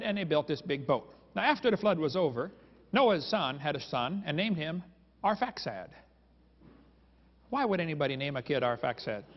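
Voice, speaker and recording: A man's voice: on the high side, a little hiss or hum. A man giving a humorous lecture to a live audience, telling stories in a sarcastic, joking way and chuckling at his own lines. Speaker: creationist speaker. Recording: reverberant hall, dull lo-fi sound.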